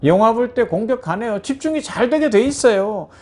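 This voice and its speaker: A male pastor giving a morning devotional sermon, preaching with lively rhetorical questions to his listeners. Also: extremely high pitch, fairly quick.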